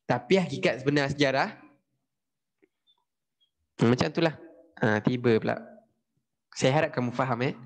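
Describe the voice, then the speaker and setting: Lively Malaysian man teaching history online. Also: mid-range voice, moderate pace, long pauses. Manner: lively, asks students questions, mixes in English. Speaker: history tutor. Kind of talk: online class lecture.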